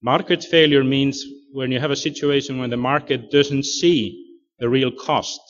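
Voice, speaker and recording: Male lecturer from Iceland, halting delivery with fillers, mid-pitched, dull recording. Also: steady tone. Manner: halting, many fillers and restarts. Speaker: speaker presenting slides. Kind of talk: lecture presentation. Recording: muffled lo-fi recording.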